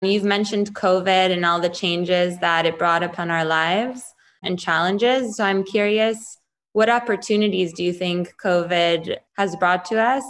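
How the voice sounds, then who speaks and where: A woman's voice: on the low side, a bit bright. A woman putting questions to a guest in a conversational interview style.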